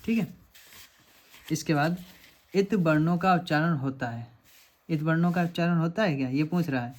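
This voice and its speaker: A man's voice: on the high side, a little mellow. A man teaching a lecture, working through quiz questions step by step and often checking that students follow. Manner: explanatory, repeats checks like "samajh rahe hain aap".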